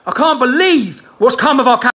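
A man speaks in a very high, sharp and bright voice. He rants furiously into the camera, swearing heavily and shouting his points in anger. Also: expressive, brisk. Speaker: vlogger. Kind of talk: angry political rant to camera.

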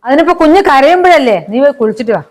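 Fussy fast-talking woman, high voice. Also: animated, poor audio. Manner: fussy, doting, scolding. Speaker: grandmother character. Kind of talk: comedy family sketch acting.

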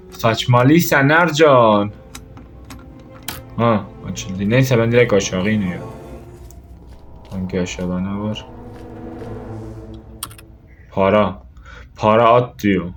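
Jumpy young man playing a horror game. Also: fairly low pitch. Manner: jumpy, swearing, yelling in fright. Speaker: gaming YouTuber. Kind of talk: let's play commentary.

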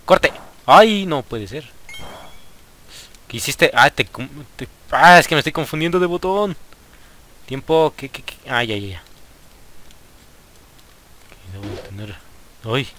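Excitable Mexican man playing a game. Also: mid-range voice, unhurried, pauses often. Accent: Mexican Spanish. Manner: excitable, frequent exclamations at the game. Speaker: gaming youtuber. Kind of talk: casual let's play commentary.

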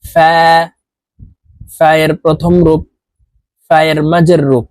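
A man with a Bangladeshi Bengali accent teaching Arabic letters slowly, one by one, with the letter names drawn out and chanted. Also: a little high, monotone, darkish tone, no echo. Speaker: Quran teacher. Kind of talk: slow letter-by-letter lesson.

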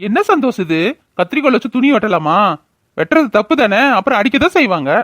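A man's voice: high voice, sing-song, quick pace, a bit bright, dry recording, studio quality. A voice actor playing a stern, fair-minded middle-aged brother who questions his sister, in a cartoon. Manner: firm, questioning. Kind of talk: cartoon voice acting.

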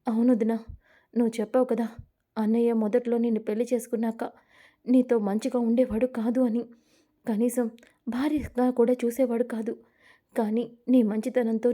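A woman's voice: a little high, mellow, lightly acted. A woman voicing a young wife who pleads and scolds in a spoken story. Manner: firm, pleading. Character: young wife, upright and wounded.

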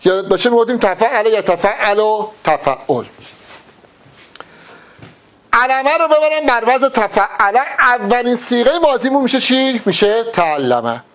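High, lively man teaching a lesson. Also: few pauses. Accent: Persian. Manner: drills verb forms, addressing the student directly. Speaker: Arabic teacher. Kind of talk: recorded exam-prep lesson.

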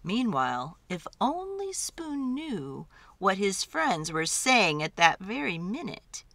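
A woman's voice: medium pitch, sing-song, slow pace, creaky, a bit bright, faint music behind. A woman storyteller reading a picture book aloud as dramatic narration for children.

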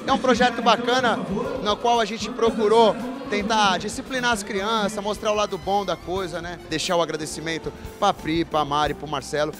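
A man's voice: high voice, fairly even intonation, moderate pace. A man who coaches a youth fight team, talking enthusiastically and casually at an event, with music behind. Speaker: martial arts coach. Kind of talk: on-camera statement at an event. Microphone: handheld mic.

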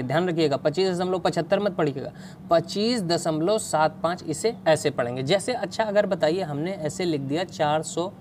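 A woman's voice: fairly low pitch, a little mellow, slight background noise. A woman teaching an online math class, explaining step by step and asking questions to the students.

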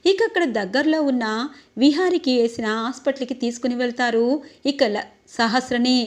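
A woman storyteller retelling a TV serial episode in a steady narrating manner, with many fillers. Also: high voice, normal speed.

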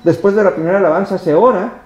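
A man's voice: high voice, quick pace, darkish tone, lo-fi sound. A man with a Mexican accent, a pastor preaching a sermon and speaking directly to his congregation. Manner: emphatic preaching, repeats words and addresses the congregation directly. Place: church service held in a hotel hall. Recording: echoey hall.

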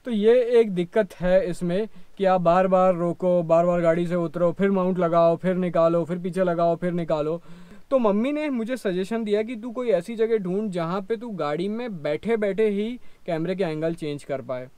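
A man's voice: high voice, moderate pace, mellow, smooth, dry recording. A man in his thirties explaining his gear step by step, recorded on a lapel mic inside a parked car. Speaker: vlogger. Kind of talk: explanatory vlog talk.

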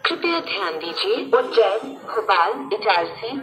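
A woman with an Indian accent giving an automated railway platform announcement after a station chime, in slow, evenly spaced, stitched-together phrases. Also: mid-range voice, sing-song. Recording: distant station loudspeaker with chime music.

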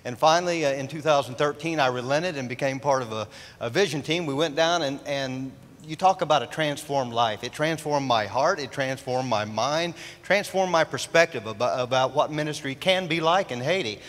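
Middle-aged man, church testimony, halting with fillers, handheld mic, long church reverb. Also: medium pitch, fairly bright tone. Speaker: church member speaking from the stage. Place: large church stage.

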